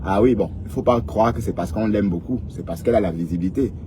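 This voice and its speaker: Lecturing man, low mellow voice. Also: fast talker, a little hiss or hum. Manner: lecturing, repetitive, frequent "hein?". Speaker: vlogger. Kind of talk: casual advice monologue.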